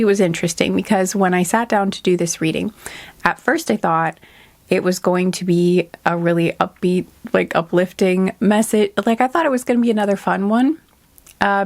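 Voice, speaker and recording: Rambling woman with a stuffy nose. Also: fairly low pitch. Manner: rambling, drifts off on tangents; hesitant, many "um"s and self-corrections. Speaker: intuitive card reader. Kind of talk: casual spiritual reading monologue.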